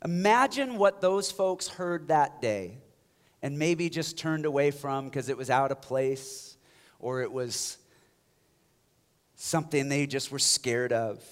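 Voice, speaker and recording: A pastor preaches passionately and takes his time, speaking in a mid-range voice. His delivery moves from loud urging to hushed lines that are nearly whispered.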